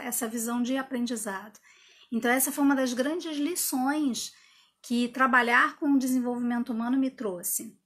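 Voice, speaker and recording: A woman with a high voice speaks in a casual live talk as a personal development coach. She reasons out loud with rhetorical questions and tag questions. She slips into acting out her own inner dialogue. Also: husky. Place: indoor room with a window.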